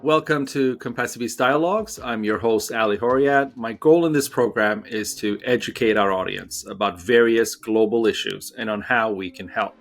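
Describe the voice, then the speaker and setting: A man's voice: on the low side, moderate pace, few pauses, soft background music. A man hosting a podcast on social issues, introducing his guest and responding in an affirming way with a few hesitant restarts. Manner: warm, affirming, with some ums and hesitant restarts. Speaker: podcast host.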